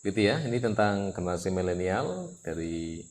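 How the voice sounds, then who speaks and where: A man, giving an evening Islamic study talk in a lively, storytelling way. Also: low voice, normal speed. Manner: animated, acts out scenes with sudden loud outbursts. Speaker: Islamic preacher.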